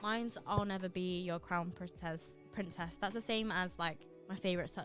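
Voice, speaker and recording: A woman's voice: fairly low pitch, steady tone, moderate pace, fairly bright tone. Brief: woman, livestream co-host, chatty and rambling, faint music underneath. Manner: chatty, with many fillers and restarts. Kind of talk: casual chat reading viewer questions.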